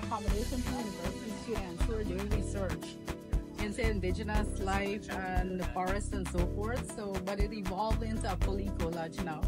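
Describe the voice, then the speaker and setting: Brief: woman, informative guide, mid-pitched, music bed behind. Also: fairly even intonation, brisk. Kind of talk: casual explaining. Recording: background music under speech.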